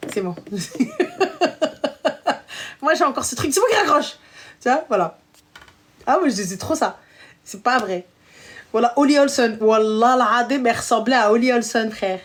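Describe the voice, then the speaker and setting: Young woman host, slightly high voice, slangy and teasing, ribs her callers on a live stream. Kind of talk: casual live chat with callers.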